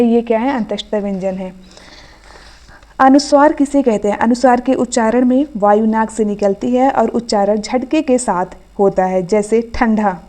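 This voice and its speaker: A woman's voice: on the high side, mellow. A woman teaching an online exam revision class, reading out each question and then giving the answer. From India.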